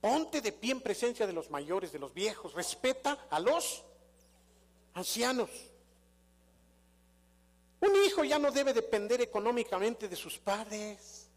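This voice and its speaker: A man's voice: high voice, lively intonation, unhurried, pauses often. An older man with a Mexican accent preaching a sermon as pastor, telling stories and putting rhetorical questions to his congregation. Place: church sanctuary. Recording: long reverb of a church hall.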